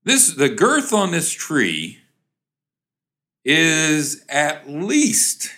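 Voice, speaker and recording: Middle-pitched man, animated and rambling, casual comic joke reader. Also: very slow. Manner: rambling, chuckling, hammy voices for quoted characters. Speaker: comedic reader of old joke cartoons. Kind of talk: ad-libbed comic commentary and joke reading.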